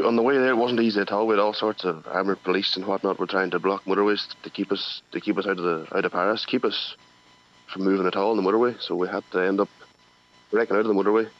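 A man with a Donegal Irish accent talking casually and haltingly, often repeating words, as an interview guest. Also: on the low side. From County Donegal, Ireland. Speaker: radio phone-in guest, farmer. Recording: dull telephone line.

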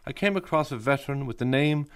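Male reporter, scripted documentary voice-over, formal and measured, mid-pitched. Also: smooth. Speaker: reporter narrating.

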